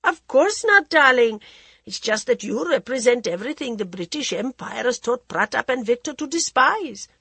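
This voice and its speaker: A woman's voice: a little high, sing-song, moderate pace, bright, forceful tone, slightly rough, no room sound, pitched above the performer's own voice, full character voice. A woman voicing a worldly, imperious older Indian society lady who drawls theatrically and calls everyone darling. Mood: arch, languid.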